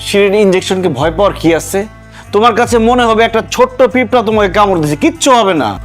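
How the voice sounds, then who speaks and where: Kind-hearted husband, earnest, high-pitched, quick, soft music bed. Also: male voice, animated. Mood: coaxing. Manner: earnest, lecturing, pleading. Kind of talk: TV drama acting.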